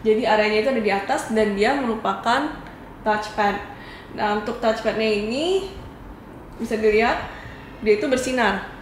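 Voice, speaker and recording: A woman's voice: fairly high pitch, moderate pace, long pauses. A woman reviewing a product in a casual demo, talking viewers through it step by step in a chatty way. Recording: echoey room with faint noise.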